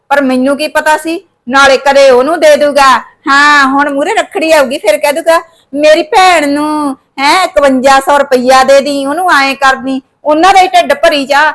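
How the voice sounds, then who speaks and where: A nagging middle-aged mother-in-law from a village drama, grumbling about her family, played by a woman. Her voice sits high and she speaks, scolding and complaining at length. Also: a bit bright. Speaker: actor in a short village drama. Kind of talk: scripted village short film acting.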